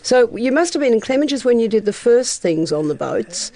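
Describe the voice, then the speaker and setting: A woman's voice: on the high side, very animated, fairly quick, mellow. An Australian woman in her sixties, a singer recalling early days in a chatty way in a radio interview. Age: 60s. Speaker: singer, guest. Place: radio studio.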